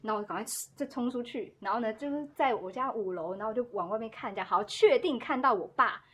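A woman, a podcast guest telling a story in casual chat, animated and quick to act out what people said. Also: a little high, slightly rough. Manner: animated, acts out quoted dialogue, laughs often.

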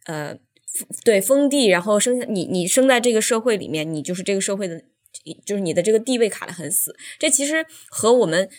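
A woman's voice: medium pitch, expressive, fairly quick. Reflective woman musing on a film. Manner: reflective, trails off and restarts with fillers. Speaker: podcast co-host. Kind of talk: casual film discussion.

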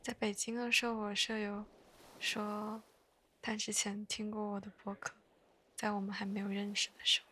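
A woman chatting in a soft, breathy whisper for bedtime listening, hushed and gently unhurried, close to the mic. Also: medium pitch, monotone, slight background noise. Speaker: host of a bedtime podcast.

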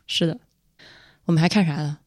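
Fast-talking chatty woman, dry sound. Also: sits low, a little mellow, no room sound. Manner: chatty, opinionated, laughs easily. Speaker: podcast co-host. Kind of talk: casual chat.

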